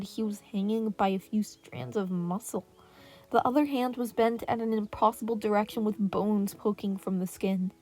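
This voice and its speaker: A podfic narrator, a woman with a medium-pitched, dark-toned voice, reads scripted fan-fiction narration. Relaxing piano and birdsong music plays behind her.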